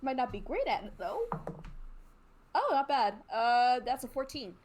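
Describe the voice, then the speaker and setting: A woman's voice: sits high, very animated, a little slow, darkish tone, a little hiss or hum. A woman playing a character in a tabletop game, chatty and giggly. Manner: giggly, chatty, describes her moves. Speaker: player. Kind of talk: casual tabletop play.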